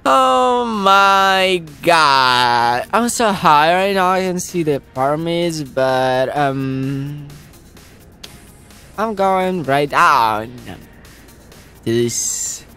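Wildly animated gameplay commentator. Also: medium pitch, soft background music. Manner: shrieks and pleads with rapid repeated words; frequent giggling. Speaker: gameplay video host.

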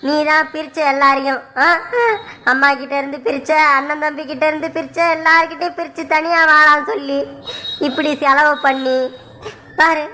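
An earnest, regretful family member in a village family cartoon, voiced by a woman. The voice is high and bright, and the delivery is heartfelt. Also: fairly even intonation, moderate pace, pauses often. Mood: scolding. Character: regretful family member consoling a tearful wife. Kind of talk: Tamil family cartoon voice acting.

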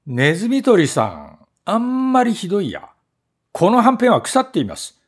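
A sly little storybook mouse, ungrateful and condescending, who whines in a high, swooping voice, played by a man reading aloud. He acts put upon and grand, and his complaints climb to shrill wails. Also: sing-song, a little slow, a little mellow. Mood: shrill outrage. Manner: smug and condescending, turning to shrill wailing.

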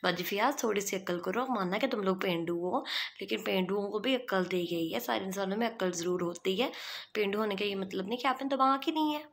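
A woman's voice: medium pitch, a bit bright. Mocking young woman vlogger. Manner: mocking, scornful, chatty. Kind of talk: gossipy commentary to camera. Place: small room indoors. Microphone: phone camera at arm's length.

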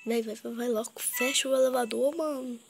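A Brazilian woman chats casually while playing a game. Her voice sits fairly high. She talks as a gaming YouTuber, over a clearly noisy mobile recording. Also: fairly even intonation, moderate pace. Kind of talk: casual gameplay commentary.

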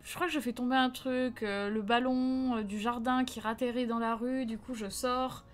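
Une jeune femme, streameuse, raconte une anecdote d'enfance en direct sur un ton familier et vivant, en jouant les répliques. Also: female voice, fairly high pitch, moderate pace, faint music behind. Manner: lively anecdote-telling, acts out quotes, reads chat. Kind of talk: casual live-stream chat and storytelling.

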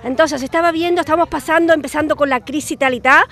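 A woman tells a story in an animated, chatty way. Her voice is high, and she speaks into a handheld mic outdoors on a town street with traffic passing behind. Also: quick pace. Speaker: interviewee. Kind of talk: street interview. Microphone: handheld reporter mic.

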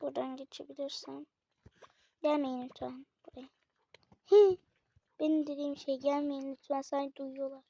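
A woman hosting a gaming channel, commenting chattily on gameplay and often calling out to her viewers with excited exclamations, sounding slightly unwell. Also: high-pitched, normal speed, vocal fry, pauses often, dry recording. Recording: dull lo-fi dry recording.

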